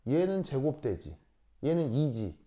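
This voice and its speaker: A man teaching high school chemistry in a classroom lecture. His voice is warm and mellow, with lively pitch that rises and falls. He keeps stopping to ask whether students understand and has them repeat terms aloud. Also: measured pace, a little hiss or hum. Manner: checks understanding often, drills pronunciation with students.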